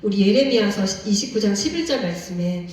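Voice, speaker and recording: A woman preaches a sermon to her congregation, putting question after question to them in an earnest, pleading way. She stands well back from the microphone, and the church around her is very echoey. Her voice sits at a middle pitch. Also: expressive, a little fast, a little mellow, distant mic. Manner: asks the congregation many questions. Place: church sanctuary.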